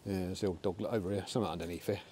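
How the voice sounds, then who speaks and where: A middle-aged Englishman with a low, dark, steady voice races through casual chat in a windy field, shooting an air rifle and talking to his dogs. The camera begins on a tripod before going handheld.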